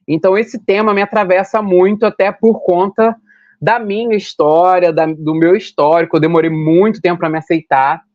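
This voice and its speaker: A man's voice: sits high, steady tone, normal speed, a little mellow, no room sound. A young man from Rio de state, hosting a podcast in a chatty, rambling way, often correcting himself. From Rio de Janeiro state, Brazil. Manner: chatty, rambling, with self-corrections and long lists. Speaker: podcast host. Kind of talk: casual podcast chat. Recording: dull lo-fi sound, dry.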